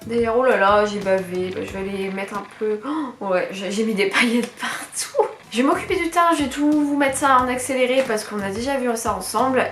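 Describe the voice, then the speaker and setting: A young woman chatting casually and enthusiastically while walking through a makeup tutorial as a beauty vlogger. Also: on the high side. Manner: chatty, enthusiastic about colors.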